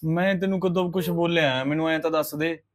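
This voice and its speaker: A man's voice: a little high, steady tone, fairly quick, natural voice. A man playing a soothing young husband. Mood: placating. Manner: placating, coaxing, repeats reassurances. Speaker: actor in a short film.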